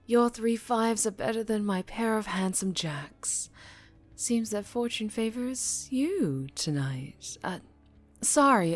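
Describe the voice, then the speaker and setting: In an ASMR roleplay, a woman with a medium-pitched voice plays a dangerously charming, teasing mafia boss. She speaks deliberately and politely, with veiled menace, sounding smooth and charmed.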